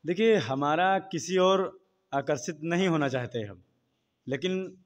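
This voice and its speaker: A man being interviewed who speaks softly at first and then declaims political couplets with rising force. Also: a little high, big-room sound. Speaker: interviewee, local political campaigner. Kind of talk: recited political couplets and appeals.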